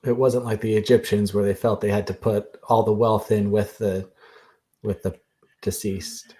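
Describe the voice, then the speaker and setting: A man's voice: lowish voice, flat delivery, moderate pace, dark tone. Easygoing male podcast co-host. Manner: easygoing, stumbles over words. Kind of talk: casual chat.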